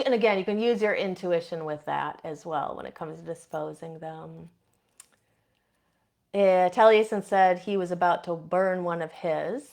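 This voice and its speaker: A woman with a Midwestern accent touched by years in Boston, hosting a casual live stream and reading out viewers' comments. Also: fairly low pitch. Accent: Midwestern with a Boston influence. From Indiana. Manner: chatty, warm, reads out viewer comments, many fillers. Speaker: podcast host.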